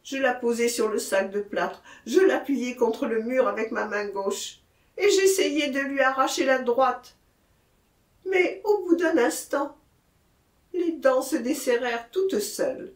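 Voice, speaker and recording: Woman playing a terrified pleading murderer, frantic, lively high voice, echoey room. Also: measured pace, recorded from a distance. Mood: haunted. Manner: frantic, pleading, rising to cries. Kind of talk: audiobook character reading.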